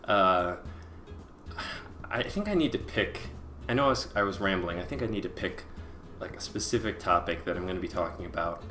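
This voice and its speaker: A man giving a casual, rambling voice-over in a hesitant, self-deprecating way, with vocal fry at the ends of his phrases. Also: sits low, lively intonation, brisk, sharp tone, soft background music. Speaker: webcomic artist and video creator.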